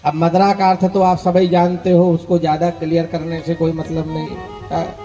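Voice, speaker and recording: A man's voice: a little high, monotone, normal speed, dark tone, long reverb tail, soft background music. A male preacher telling folksy stories to his listeners in a sermon, speaking to them directly and leading call-and-response. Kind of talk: sermon storytelling.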